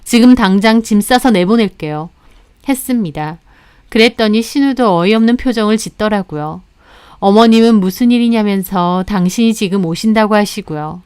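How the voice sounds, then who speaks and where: A woman's voice: mid-range voice, darkish tone, clear, resonant tone, no room sound, studio quality. A young adult woman narrating her own story in a firm, matter-of-fact way.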